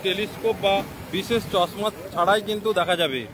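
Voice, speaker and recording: A man giving live news commentary, repeating details and pausing as he explains, outdoors with wind on the mic. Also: high voice, fairly even intonation, fairly bright tone. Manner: repetitive explanatory delivery with hesitant pauses. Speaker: live reporter. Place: outdoors on a sea beach. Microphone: mobile phone. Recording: noisy outdoor live stream, roaring sea wind. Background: roaring waves and wind.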